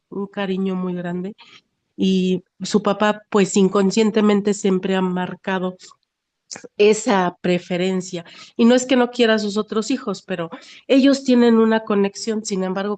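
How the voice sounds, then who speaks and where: A woman's voice: medium pitch, a little mellow. Hesitant middle-aged woman in a support group. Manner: hesitant, halting, many restarts. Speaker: support group member asking a question.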